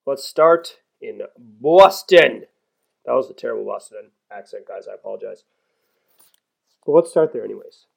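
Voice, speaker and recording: A man hosting a basketball podcast, talking in a chatty, self-deprecating way with animated emphasis, and reading an ad. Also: medium pitch, gravelly. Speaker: podcast host. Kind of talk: sports podcast commentary and ad read.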